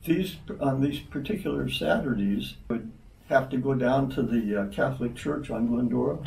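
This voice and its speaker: Older man reminiscing, gravelly and distant. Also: mid-range voice, warm tone, reverberant. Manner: halting, many restarts. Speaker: interview guest. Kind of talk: reminiscing conversation.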